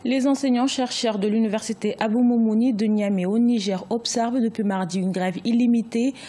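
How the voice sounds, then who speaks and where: A woman news anchor reading the headlines and introductions in a measured, formal manner. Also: a little high, steady tone, warm tone.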